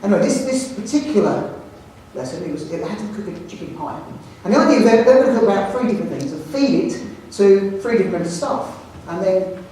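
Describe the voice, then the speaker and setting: Male headteacher with a London accent, animated anecdotal speaker; distant mic in a reverberant hall. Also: high-pitched, fast, few pauses. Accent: London English. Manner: jokey storyteller, animated, self-mocking. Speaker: headteacher giving a talk. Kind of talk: anecdotal presentation to an audience. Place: large hall with audience.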